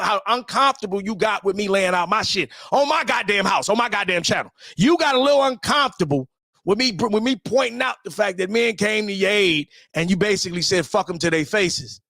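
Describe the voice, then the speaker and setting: Very high-pitched, fast-ranting man. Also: vocal fry, pushed and bright, no echo, studio quality. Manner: profane, repetitive, stammering restarts. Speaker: channel host. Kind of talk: heated livestream rant.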